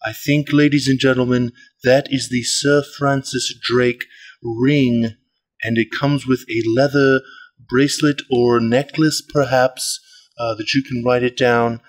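Man doing a slow, polite golf announcer. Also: medium pitch, steady tone, natural voice. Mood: measured, polite. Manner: hushed-reverent golf commentator delivery, measured and deliberate. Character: mock golf announcer, male, polite, earnest, calling an unboxing. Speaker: commentator. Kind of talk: mock sports commentary.

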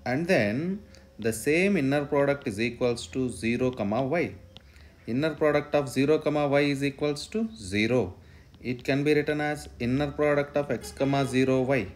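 A man's voice: medium pitch, normal speed. A man lecturing on mathematics step by step, dictating and repeating phrases as he writes out the working. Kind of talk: step-by-step lecture while writing out a proof.

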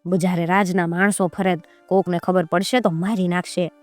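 A woman's voice: lowish voice, little pitch movement, moderate pace, no echo, faint music behind, close to an everyday voice. A woman voicing a cautious young carpenter in a folk tale, scolding his friend urgently. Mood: urgent hushing.

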